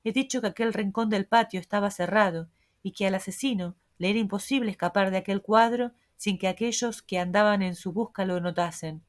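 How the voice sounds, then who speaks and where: Woman reading a calm cocky young reporter guy, no rush at all. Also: medium pitch, natural voice. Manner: calm, unhurried, sure of himself. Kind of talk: audiobook reading.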